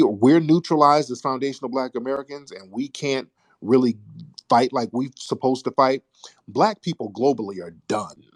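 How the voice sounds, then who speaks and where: A man hosting a call-in show, talking in a forceful, preaching way and cutting in on his callers. His voice sits at a middle pitch. The recording is dry and close. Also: no echo. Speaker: host. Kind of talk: call-in debate talk.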